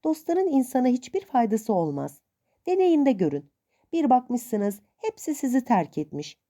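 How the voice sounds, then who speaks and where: Woman voicing a bossy old aunt, raised pitch. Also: sing-song, moderate pace. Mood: lecturing. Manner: sharp, bossy, lecturing. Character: stern, scolding old rich aunt.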